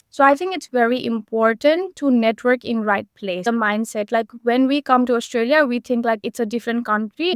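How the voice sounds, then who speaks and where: A woman's voice: on the high side, smooth, no room sound, studio quality. A woman in her twenties from Nepal, answering interview questions in an earnest, encouraging way. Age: 20s. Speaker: guest.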